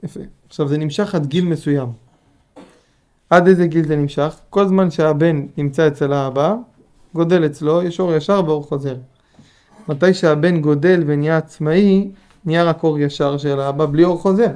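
Mellow-voiced man teaching a Torah lesson. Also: a little high, fairly even intonation. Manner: repeats phrases and explains patiently to listeners. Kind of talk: Torah lesson, reading and explaining a text.

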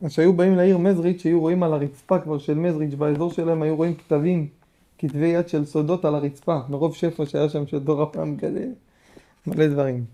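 Mellow-voiced man teaching a Torah lesson. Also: a little high, flat delivery. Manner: repeats phrases and explains patiently to listeners. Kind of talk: Torah lesson, reading and explaining a text.

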